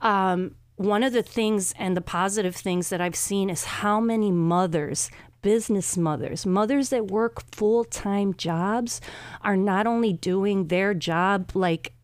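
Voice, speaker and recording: Female guest, middle-aged, mid pitch, casual and halting chat, dry close sound. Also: no echo. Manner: halting, with frequent 'you know' asides. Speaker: talk show guest.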